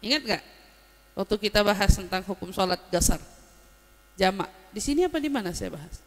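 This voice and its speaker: A woman giving a lively religious lesson, explaining Arabic terms and telling anecdotes. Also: medium pitch, a little fast, big-room sound. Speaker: Islamic religious teacher.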